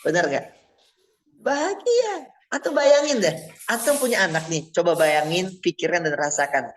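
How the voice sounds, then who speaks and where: High-voiced animated male preacher. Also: normal speed, slight background noise, rough recording. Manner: animated, asks the audience rhetorical questions; calls on listeners by name. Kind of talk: Islamic study sermon on parenting. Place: mosque.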